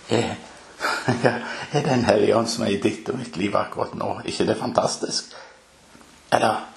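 A man with a lowish, creaky voice delivers a fervent Pentecostal-style sermon. He builds to emphatic peaks with rising exclamations.

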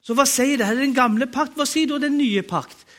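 A man's voice: very high-pitched, fairly bright tone. A man with a Norwegian accent preaching a sermon, emphatic and urging the congregation to respond.

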